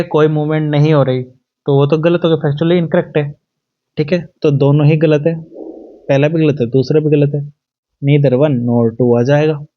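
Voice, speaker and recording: A man with an Indian accent teaching an online exam-prep lesson, explaining step by step and reading questions out slowly in English. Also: fairly high pitch, dark tone, muffled recording.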